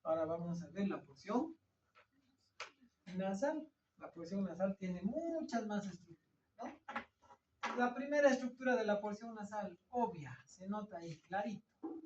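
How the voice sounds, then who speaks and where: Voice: medium pitch, lively intonation, a little slow, recorded from a distance, a little hiss or hum. An anatomy teacher lecturing a class, quizzing students and answering the questions themselves while drawing at the board. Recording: echoey classroom recorded from afar, dull lo-fi.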